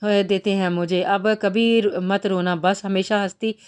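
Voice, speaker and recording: A woman's voice: medium pitch, level tone, unhurried, darkish tone, clear, resonant tone, lightly acted. A woman reading the part of a young army major who teases and sweet-talks the girl he loves. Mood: tender. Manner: teasing, affectionate. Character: young man, an army major, tender and teasing lover.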